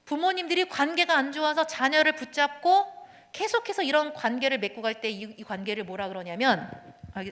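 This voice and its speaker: A fairly high-voiced woman counselor lectures in a church hall, her words trailing into a long reverb. She talks with lively energy, playing out little scenes of dialogue, then sinks to a hushed whisper to drive a point home. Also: brisk. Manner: lively, acts out quoted dialogue, drops to a hushed whisper for emphasis. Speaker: counselor giving a talk. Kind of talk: lecture to young adults.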